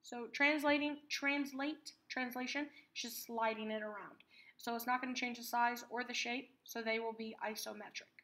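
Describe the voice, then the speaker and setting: A woman teaching a math lesson, patiently explaining terms and repeating key words slowly for emphasis. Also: fairly high pitch, steady tone, bright, forceful tone.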